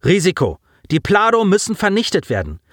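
A man's voice: high voice, wildly swooping pitch, a little fast, a bit bright, no room sound, studio quality, voice pushed up, exaggerated voice. A man voicing a ruthless female starship commander who barks curt orders in an audiobook. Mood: commanding.

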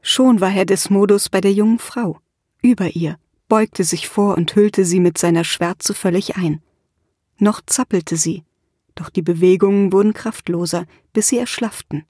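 A woman narrating a story in an even, measured way. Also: medium pitch, breathy edge, dry recording, studio quality. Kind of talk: audiobook narration.

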